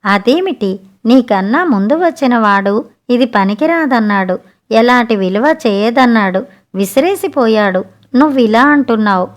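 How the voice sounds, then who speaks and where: A woman's voice: on the high side, animated, moderate pace, lightly acted. A woman reading a storybook, voicing a poor mother who pleads with traders. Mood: puzzled. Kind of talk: storybook narration.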